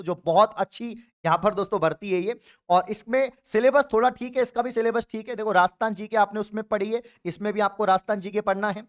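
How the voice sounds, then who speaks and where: A man from Rajasthan, a coaching teacher giving an exam update online and encouraging his viewers, whom he calls friends and brothers. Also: sits high. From Rajasthan, India. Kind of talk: YouTube exam update talk.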